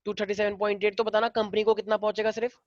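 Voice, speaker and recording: A man's voice: sits high, little pitch movement, racing, no echo, lo-fi sound. Hindi-teacher man quizzing his class. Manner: mixes Hindi and English, drills students with questions. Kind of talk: online class problem-solving.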